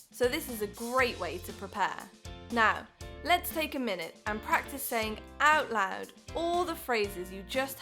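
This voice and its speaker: A woman narrates a language course in an upbeat, encouraging voice with a bright, forceful edge. Soft music plays faintly under her. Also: a little high. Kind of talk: scripted narration.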